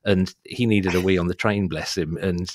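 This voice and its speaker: A man's voice: sits low, fairly even intonation, moderate pace, no echo. A man with a South Suffolk English accent chatting casually as a podcast host, rambling through anecdotes in a jokey, easily amused way. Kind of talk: casual comic chat, telling anecdotes.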